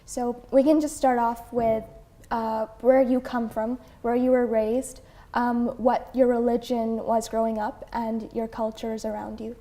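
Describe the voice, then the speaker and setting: A young woman from Canada hosting an interview, speaking softly and encouraging her guest with frequent murmurs of agreement. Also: fairly high pitch, level tone, a little slow. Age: young adult. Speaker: host.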